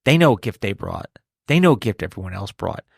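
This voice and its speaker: A man hosting a podcast, telling funny stories in a playful, animated way. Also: fairly low pitch, fast talker, creaky, dry recording, clean studio sound. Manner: playful, animated storytelling with laughs. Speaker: podcast host. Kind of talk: casual comedic chat.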